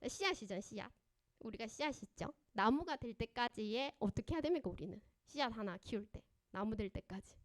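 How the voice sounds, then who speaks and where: Woman counselor talking to parents, bit high voice, swoops all over, keeps asking the room questions. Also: brisk. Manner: animated, quizzes the audience with questions; acts out parents and children in lively voices. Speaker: parenting counselor giving a seminar. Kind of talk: parenting seminar lecture. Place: church seminar hall.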